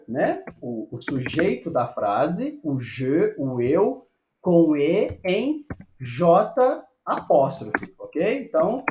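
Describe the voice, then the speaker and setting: A man teaching a French lesson, patiently checking with "ok?" and slowing down to model phrases. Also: a little high, darkish tone. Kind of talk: online language lesson. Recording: echoey room.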